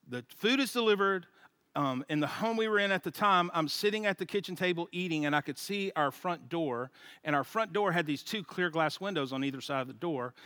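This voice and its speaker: A man, a guest speaker telling a funny story at church in an animated, joking way. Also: fairly high pitch, no echo. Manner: animated, joking, laughs at his own story. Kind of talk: humorous storytelling sermon.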